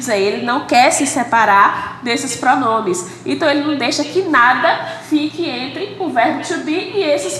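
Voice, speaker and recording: A woman's voice: high voice, fairly bright tone. A woman with a Brazilian Portuguese accent, an English teacher giving a recorded online lesson, who explains patiently and keeps checking with "ok?". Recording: echoey room with faint background noise.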